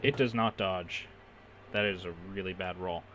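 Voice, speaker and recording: A man's voice: sits low, normal speed, heavy background noise. A man running a tabletop game as game master, hesitant and checking rules aloud with frequent uhs. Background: music.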